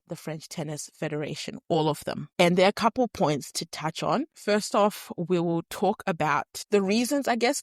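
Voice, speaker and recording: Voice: medium pitch, no room sound, clean studio sound. A podcast host talking through a stuffy cold, sniffling and a bit nasal, giving earnest, opinionated solo commentary.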